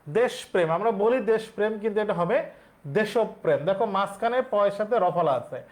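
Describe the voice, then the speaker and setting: A man's voice: high voice, fairly quick, darkish tone. A male teacher, explaining exam questions step by step and quizzing his students. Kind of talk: exam-prep lesson.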